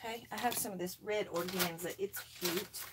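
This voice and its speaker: A craft livestream host with a Southern US accent chats casually to viewers while working at her indoor craft table under an overhead camera. Her mid-range voice moves at a moderate pace over heavy background noise.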